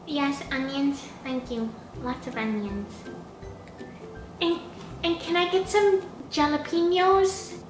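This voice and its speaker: Comedy skit: woman playing a high, slow-talking picky customer ordering toppings, roomy echo. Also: fairly even intonation, over music. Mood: fussy. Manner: hesitant, full of ums and excuse-mes. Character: fussy picky female sandwich-shop customer.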